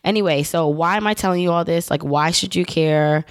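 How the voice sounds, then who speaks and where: Speaking a little fast in a lowish voice, she's a podcast host in her thirties, going solo. Her chatty, upbeat talk wanders into rambling asides, and her voice hasn't fully recovered since she lost it.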